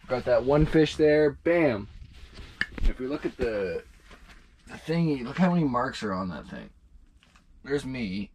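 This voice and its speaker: A young man narrating a casual ice fishing vlog in an informal, excitable way. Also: medium pitch, unhurried, poor audio. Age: young adult. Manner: informal, excitable, mild slang exclamations. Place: outdoors on a frozen lake and inside an ice fishing tent. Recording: clear background noise, clicks.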